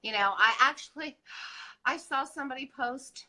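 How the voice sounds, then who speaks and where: Woman host, high voice, bright sharp tone, gushing, live-stream chat. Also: moderate pace, poor audio. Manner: gushing, enthusiastic, affectionate. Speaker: host of a live wellness show.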